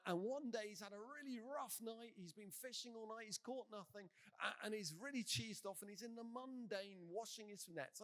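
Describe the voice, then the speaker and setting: A man, a bishop, preaching a sermon with lively, animated storytelling and humorous asides. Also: high-pitched. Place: church.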